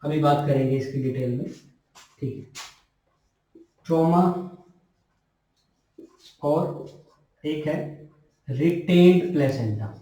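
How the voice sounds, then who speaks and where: A nursing tutor gives a classroom lecture to nursing students, repeating key terms and posing questions he then answers himself. His voice is slightly high and mellow, slow with long pauses, picked up by a distant mic in an echoey room.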